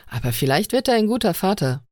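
A woman voicing a cautious young male energy technician, speaking in a calm, measured way. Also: mid-range voice, no echo, clean studio sound, voice pushed up.

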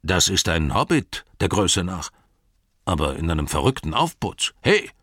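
A man voicing a blunt, hearty older farmer eager for a fight, speaking loudly in a raised voice. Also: low voice, very animated, moderate pace, husky, no room sound, studio quality, full character voice. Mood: challenging.

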